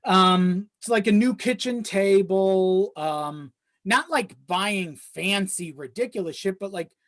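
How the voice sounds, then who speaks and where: A young adult with a medium-pitched voice speaks slowly, chatting casually and candidly in a rambling way with some casual swearing. They're in a home office set up in a small self-built shed, whose unpadded walls make the sound slightly echoey.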